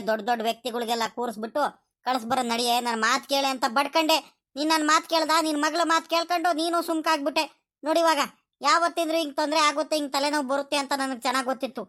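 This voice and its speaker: A woman's voice: high voice, fairly bright tone. A woman voicing a scolding village father. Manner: scolding, rapid. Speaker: father in a family cartoon. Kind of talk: village comedy cartoon acting.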